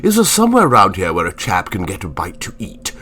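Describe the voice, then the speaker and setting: A man playing a wordy, politely bemused gentleman ghost, telling his story and acting it out. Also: low-pitched, wildly swooping pitch, fast, exaggerated voice. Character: genteel, fussy middle-aged English gentleman ghost. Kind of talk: first-person storytelling and acting.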